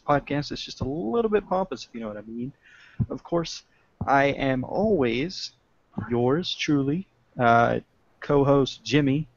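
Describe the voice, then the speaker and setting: A young man co-hosts a casual political podcast from home over a video call, joking, laughing often and drawing out his words. His mid-range voice has no echo, captured by a webcam mic as dull, lo-fi call audio.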